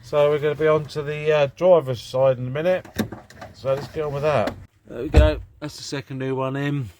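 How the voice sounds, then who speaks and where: A man's voice: fairly high pitch, fairly even intonation, fairly quick, background noise. A British man chatting casually and thinking aloud in a rambling, matter-of-fact way as he narrates hands-on repair work. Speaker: vlog host doing DIY car repairs. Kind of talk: casual chat and work commentary.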